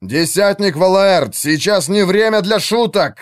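A man's voice: on the high side, expressive, a little fast, no echo, clean studio sound, voice pushed up, natural voice. A man voicing a stern male knight commander who barks curt orders in a fantasy audiobook. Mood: commanding.

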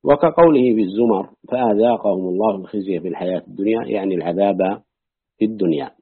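A man reading aloud from a classical exegesis book in a measured way, pausing now and then to comment or correct a slip. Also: fairly low pitch, no echo. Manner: measured recitation, pausing to note and correct slips. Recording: husky, dry, tinny phone-like audio.

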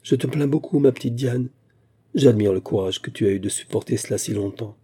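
A man voicing a gentle, sympathetic widow who speaks in a soft, measured way. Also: mid-range voice, husky, lightly acted.

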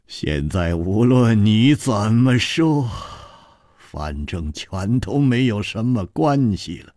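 A man voicing a frenzied, bitter young swordsman who laughs and shouts hoarsely. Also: fairly low pitch, expressive, takes it slowly, no room sound, studio quality. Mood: hoarse rage.

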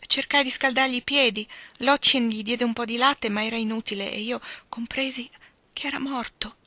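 A woman voicing a gentle, sickly young girl who speaks softly and earnestly. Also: a little high, fairly even intonation, brisk, dry recording, pitched above the performer's own voice. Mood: sorrowful.

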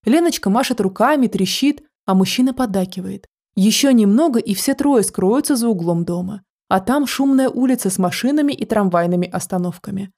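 A woman reading a story aloud in a steady, measured way. Her voice is mellow and warm, at a middle pitch. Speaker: narrator. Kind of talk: storybook narration.

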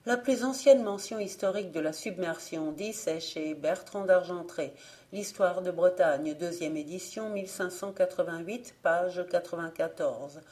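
Low, mellow woman reading an audiobook. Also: a little slow. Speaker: audiobook reader. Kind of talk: audiobook narration of folk legends.

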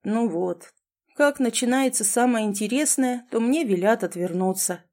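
A woman's voice: medium pitch, fairly even intonation, moderate pace, dark tone, lightly acted. A woman voicing a grumbling, gallant homeless male dog in a storybook reading.

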